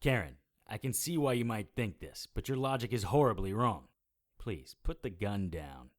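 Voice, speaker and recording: This fairly low male voice swings widely in pitch at a moderate pace, playing a weary, wry private eye of the supernatural. The audio drama uses first-person noir narration, delivered dryly and sardonically, with a wary, reasoning mood.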